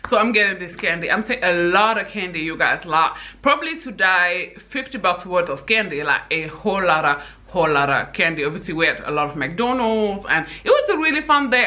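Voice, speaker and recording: A young woman from Senegal telling stories to her viewers in a chatty, animated vlog, often calling them "you guys" and breaking into asides. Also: medium pitch, brisk, few pauses. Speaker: YouTuber. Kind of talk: casual chatty vlog storytelling.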